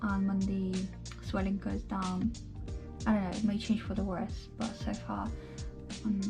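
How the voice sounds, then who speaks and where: A woman's voice: medium pitch, little pitch movement, a little slow, music in the background. Lispy woman recovering from jaw surgery. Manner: candid, swears casually. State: swollen face, lispy after jaw surgery. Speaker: vlogger. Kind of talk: casual vlog chat. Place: home.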